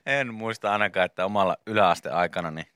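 A man's voice: low voice, a bit bright, smooth, no echo. A man co-hosting a morning radio show, chatting playfully and riffing on jokes with his co-host. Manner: playful, chuckling, riffs on jokes. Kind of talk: casual comedic radio banter. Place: radio studio.

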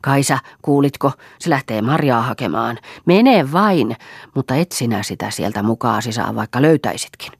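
A shrill old farm mother, raging and mocking, her husky voice jumping high and loud, as a woman reads her in a storybook. Dry, close sound with no room around it. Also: hardly any pauses, dry recording, full character voice. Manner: screaming taunts, cackling spite.

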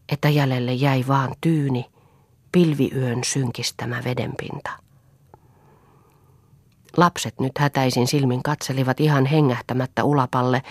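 A woman reading an audiobook as a calm storyteller, in scripted narration. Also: rumbling low, slightly rough, no room sound, studio quality. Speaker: audiobook reader.

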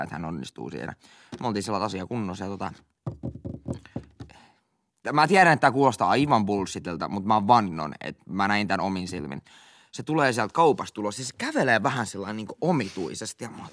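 Animated swearing man telling a story. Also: on the low side, no echo, clean studio sound. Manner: animated, swearing, acts out quotes. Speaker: podcast co-host. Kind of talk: casual storytelling chat.

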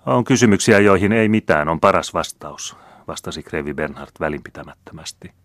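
A male audiobook reader voicing a suave aristocratic count who speaks with smooth, condescending irony. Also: low voice, fairly bright tone, no echo, clean studio sound. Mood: coolly mocking. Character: suave aristocratic count, coolly mocking diplomat.

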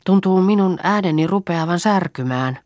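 A woman's voice: fairly low pitch, darkish tone, no echo, studio quality, voice pushed up, close to an everyday voice. A woman voicing a practical young farm girl who takes charge with short instructions. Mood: steady.

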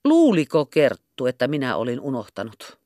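A woman voicing a secretive revolutionary army captain, earnest and hushed, in an audiobook. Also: extremely low pitch, huge pitch swings, no echo, studio quality, full character voice.

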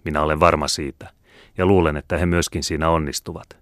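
A man narrates a classic novel in a measured audiobook reading, lightly shading each character's lines. His voice sits extremely low and deep. The recording is close and dry, with no room sound. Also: little pitch movement, dry recording. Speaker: audiobook reader.

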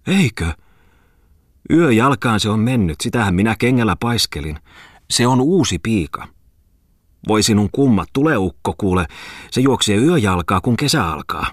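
A male reader voicing a loud, scolding, stout old miller's wife in an audiobook. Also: expressive, dry recording, studio quality. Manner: shrill, scolding.

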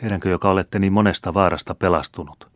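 Brief: male narrator doing an earnest young officer, low voice, dry sound. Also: dry recording. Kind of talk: audiobook character reading.

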